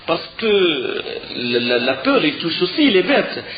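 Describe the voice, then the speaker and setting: A man's voice: fairly high pitch, sing-song, unhurried, dull audio, a little hiss or hum. A man giving a lecture, telling the story with animation, often restarting his sentences and using fillers. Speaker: teacher of religious history. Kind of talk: recorded lecture retelling a story.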